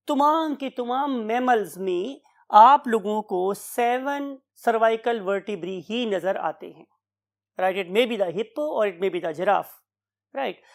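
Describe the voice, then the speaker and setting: A woman giving a biology class lecture. She poses questions to her students, answers them herself, checks in with "right?", and drops English terms into her explanation. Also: on the high side. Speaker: biology teacher.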